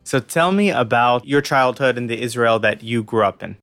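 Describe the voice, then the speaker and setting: Young male podcast host; reflective scripted narration, steady pitch, faint guitar bed underneath. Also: normal speed. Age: 20s. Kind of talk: scripted narration over music, then interviewing.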